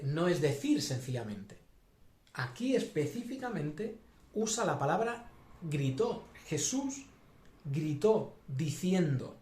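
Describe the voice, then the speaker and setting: A man's voice: a little high, a little mellow. Man preaching a sermon in an echoey church. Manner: thinking aloud, with many fillers and restarts. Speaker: pastor. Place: church hall.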